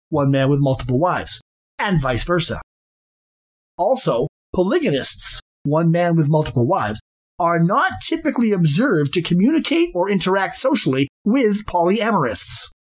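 Husky-voiced man with a lively pitch. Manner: formal, deliberate and precise, spells words out letter by letter. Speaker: podcast host. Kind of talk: scripted podcast monologue.

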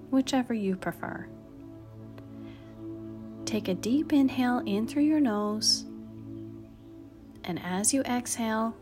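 Gentle woman guiding meditation over music. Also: medium pitch. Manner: gentle, soothing, unhurried delivery. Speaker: podcast host and meditation guide. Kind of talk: guided meditation narration. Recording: music behind the voice.

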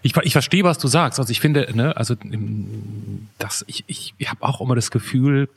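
A man with a slightly husky voice hosts a podcast conversation. He is thoughtful and often restarts his sentences. His pitch is mid-range. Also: normal speed.

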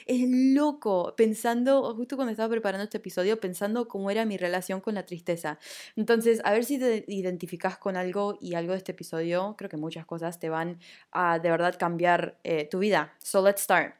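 Upbeat young Rioplatense woman. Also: mid-range voice. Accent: Rioplatense Spanish. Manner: upbeat, chatty, confiding. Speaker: podcast host. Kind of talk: casual solo podcast monologue.

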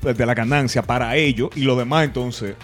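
A man's voice: mid-range voice, fairly even intonation, a little fast, music in the background. A man with a Dominican accent chatting casually as a podcast co-host, often repeating words and adding tag questions. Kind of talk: casual chat.

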